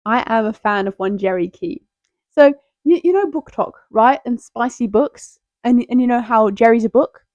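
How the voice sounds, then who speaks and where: A young woman hosting a casual, rambling tier list video, playful and quick to interrupt herself with jokes. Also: on the high side, darkish tone, no echo, muffled recording. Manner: playful, self-interrupting, jokey.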